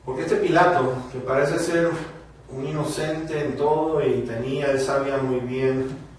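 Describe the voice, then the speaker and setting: A man's voice: medium pitch, fairly even intonation, unhurried, distant mic, slight background noise. A man preaching a sermon, speaking emphatically to his congregation, his voice rising and falling. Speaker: pastor. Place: church hall. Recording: very echoey hall, voice from afar.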